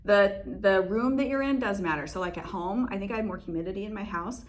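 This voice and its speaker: A woman's voice: mid-range voice, fast. Young woman, casual tutorial host, chatty and giggly. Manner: chatty, laughs often, many fillers. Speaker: beauty vlogger. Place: room in her salon.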